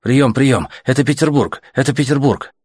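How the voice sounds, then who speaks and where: A man voicing a male radio operator calling out to other stations in a raised, husky voice. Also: medium pitch, normal speed, a little mellow, no room sound, studio quality, pitched above the performer's own voice, natural voice. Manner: calling out, announcing.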